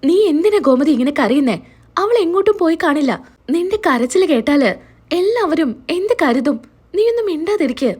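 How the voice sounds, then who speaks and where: A woman's voice: very high voice, very animated, moderate pace, a little mellow, pitched above the performer's own voice. A woman reading the lines of a worried middle-aged family man, reassuring and a little scolding.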